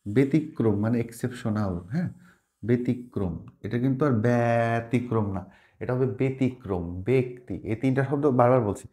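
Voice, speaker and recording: Male teacher, warm dark tone, patient, repeats each word slowly for students. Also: medium pitch. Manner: mixes in English words while explaining. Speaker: language teacher. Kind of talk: spoken pronunciation lesson.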